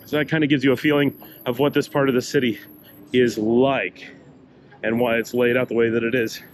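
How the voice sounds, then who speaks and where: A man's voice: medium pitch, little pitch movement, a little fast, slight background noise. A middle-aged man vlogging a walking tour on a city sidewalk, talking to a handheld camera in a chatty, meandering way with fillers. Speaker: travel vlogger. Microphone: handheld camera at arm's length.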